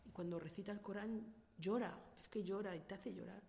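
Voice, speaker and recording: A middle-aged woman from Spain speaks with a Spanish accent in a mellow, warm voice. She tells her own story earnestly and directly, voicing the people in it as she goes. The recording carries a long, trailing reverb. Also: mid-range voice, brisk, gravelly. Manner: earnest, direct storyteller who acts out past dialogue. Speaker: interviewee. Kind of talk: personal account in casual conversation.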